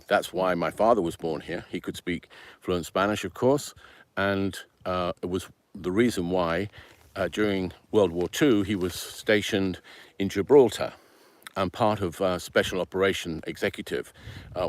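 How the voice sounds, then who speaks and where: A middle-aged Venezuelan man who hosts a channel tells his life story, rambling casually with plenty of ums and uhs. His voice is low-pitched, and there's no room sound.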